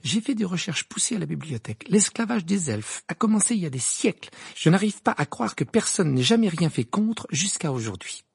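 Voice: mid-range voice, sing-song, brisk, vocal fry, hardly any pauses, a little mellow, slightly rough, dry recording, clean studio sound, voice pushed up, heavily acted. An audiobook reader voicing Hermione, an earnest, bossy teenage witch who lectures with eager insistence. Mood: ardent. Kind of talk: audiobook character voice.

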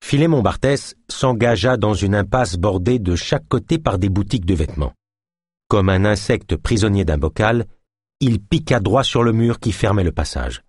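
Low, husky male audiobook narrator. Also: no room sound, studio quality. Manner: steady, measured reading. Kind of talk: scripted narration of a thriller novel.

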